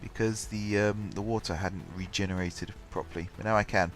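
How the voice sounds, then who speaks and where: A gaming channel host with a cold talks through his game in a stuffy, bunged-up voice, rambling casually with lots of ums and restarts. His pitch is fairly low and fairly even, and he speaks briskly. Faint music plays behind him.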